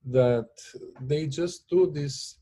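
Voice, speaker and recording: On a podcast, a guest from Brazil whose first language is Portuguese talks slowly, feeling for his words, with a Brazilian Portuguese accent. His voice sits a little high and sounds mellow, with a breathy edge.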